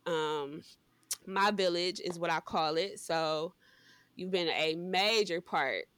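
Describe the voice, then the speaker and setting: A woman's voice: on the low side, slow pace, fairly bright tone, clear, resonant tone, no room sound. A woman in her thirties from Cleveland, a podcast guest who talks in a laid-back way and laughs easily. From Cleveland, Ohio. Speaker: guest, entrepreneur and mom. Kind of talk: casual podcast interview.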